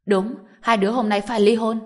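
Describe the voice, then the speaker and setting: A woman voicing a scheming middle-aged mother-in-law who scolds and wails loudly in an audiobook. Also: a little high, fairly even intonation, fairly quick, lightly acted. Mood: nagging. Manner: loud, wailing, scolding. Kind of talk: audiobook character voice.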